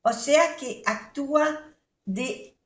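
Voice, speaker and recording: A woman's voice: high voice, drawn-out words. Older female language teacher, patient repeater, recorded in a roomy space. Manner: patient, spells out sounds and repeats examples. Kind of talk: slow, clear language lesson. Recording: echoey room.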